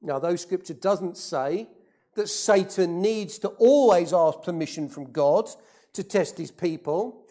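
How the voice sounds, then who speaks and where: A preacher delivering a sermon in a deliberate way, repeating key phrases for emphasis and putting rhetorical questions to the congregation. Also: medium pitch, animated, warm tone.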